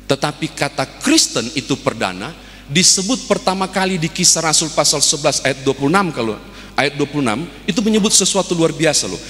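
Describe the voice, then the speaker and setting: A man's voice: a little high, animated, a little fast, a bit bright, long reverb tail. A man with a Manado accent, a pastor preaching a sermon and telling stories to his congregation. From Manado, Indonesia. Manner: storytelling preacher acting out a joke.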